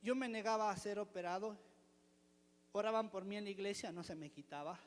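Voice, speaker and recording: A man's voice: high voice, fairly quick, in a large hall. A man, from the church's pastoral team, giving an emphatic testimony sermon. He keeps returning to one refrain and asks his listeners rhetorical questions. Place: church hall.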